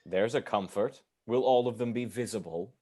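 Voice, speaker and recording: A man's voice: on the low side, moderate pace, mellow. A man playing an impatient older stage actor who pushes the rehearsal along with dry, clipped remarks. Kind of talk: radio drama acting.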